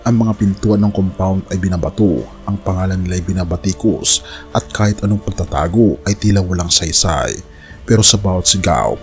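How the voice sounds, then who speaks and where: Deep-voiced man narrating earnestly over music. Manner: earnest, addresses listener as friend. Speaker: religious news commentary narrator. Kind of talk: scripted narration with preaching.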